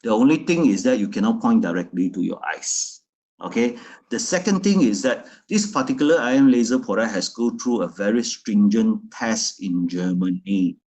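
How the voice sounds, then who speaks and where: A man's voice: lowish voice, animated, moderate pace, darkish tone. A man presenting a product in a loose, repetitive way, often restarting his phrases.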